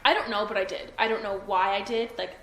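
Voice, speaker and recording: A woman's voice: mid-range voice, fairly quick, a bit bright. A young woman being interviewed by police, hesitant and full of ums and self-doubt. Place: interview room. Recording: echoey room, faint noise.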